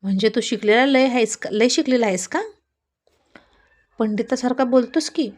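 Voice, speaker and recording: A woman's voice: on the high side, normal speed, darkish tone, lightly acted. A woman voicing a bold, talkative young village woman who teases and chatters. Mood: teasing.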